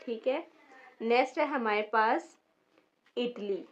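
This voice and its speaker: Female teacher, fairly high voice, very slow and patient, spells out syllables one by one. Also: muffled recording. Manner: repeats each word slowly, spelling it out syllable by syllable. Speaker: language teacher. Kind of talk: slow beginner vocabulary lesson.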